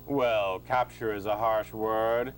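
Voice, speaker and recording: A man playing a smooth-talking, unethical professor with a pompous, falsely genial manner in an amateur comedy audio drama. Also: fairly low pitch, fairly even intonation, slow, a little hiss or hum. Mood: unruffled.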